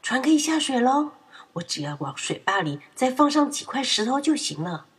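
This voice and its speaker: A woman voicing a boastful young boy in a children's story, who talks loudly and brags. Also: medium pitch, very animated, normal speed, breathy edge. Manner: bragging, loud.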